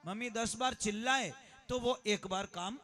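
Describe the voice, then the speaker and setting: A man's voice: high-pitched, measured pace, bright, forceful tone, faint music behind. A man preaching a moral sermon at a conference, acting out family stories with dramatic shifts in voice. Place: education conference hall.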